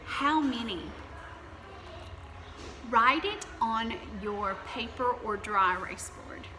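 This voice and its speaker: A woman's voice: on the high side, animated, slow pace, noisy background. A woman kindergarten teacher teaching young children to count, speaking to them directly and encouragingly. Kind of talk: children's counting lesson, addressing pupils directly. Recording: echoey, reverberant room.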